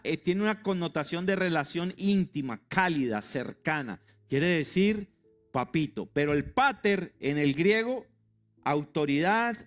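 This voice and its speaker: A middle-aged man preaching a sermon to his congregation, emphatic and joking, spelling out words for them. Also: fairly high pitch. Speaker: pastor. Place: church sanctuary.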